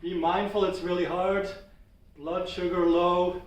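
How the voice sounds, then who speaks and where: Swiss man, slow and echoey. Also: high-pitched. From Switzerland. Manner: humorous, animated storytelling. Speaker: table topics speaker. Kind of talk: impromptu speech at a club meeting. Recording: echoey room, distant mic.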